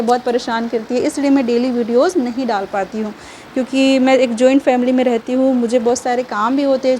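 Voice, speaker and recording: A young adult woman giving an online reading lesson. She talks patiently, checks in often with short confirmations, and sounds out each syllable slowly and clearly. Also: high voice, darkish tone, a little hiss or hum. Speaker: Quran reading teacher.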